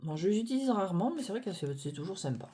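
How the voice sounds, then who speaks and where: A woman reviewing tarot decks in a casual, hesitant chat, often pausing with fillers and laughing at her own clumsiness, recorded on a phone on a stand at home. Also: medium pitch, very animated, mellow. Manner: chatty, hesitant, self-deprecating, many fillers.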